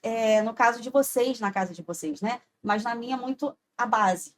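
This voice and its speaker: A woman's voice: on the high side, normal speed. A woman, a podcast guest telling an earnest personal faith story and often checking in with "sabe?". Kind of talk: heartfelt personal testimony.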